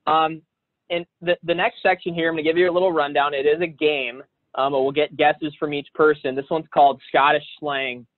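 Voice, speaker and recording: A man's voice: on the high side, level tone, fairly quick, dry recording. A man hosting a casual chat show, joking and laughing as he rambles. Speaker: host. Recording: dry, tinny phone-like sound.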